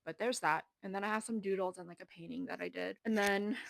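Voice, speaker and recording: A woman's voice: on the low side, fairly even intonation, quick pace, creaky, a bit bright, no echo. Twenties woman, casual vlogger, rambling and winded, dry close mic. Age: 20s. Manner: rambling, self-deprecating, filler-heavy. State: slightly out of breath. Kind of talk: casual room tour narration.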